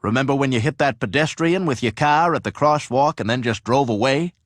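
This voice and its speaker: An actor playing a solemn male ad narrator with a slow, knowing delivery. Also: mid-range voice, no room sound, studio quality, natural voice.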